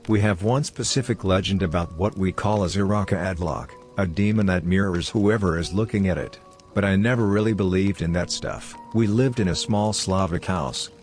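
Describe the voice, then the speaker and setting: Deep-voiced man reading horror stories. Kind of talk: scripted narration of online horror stories.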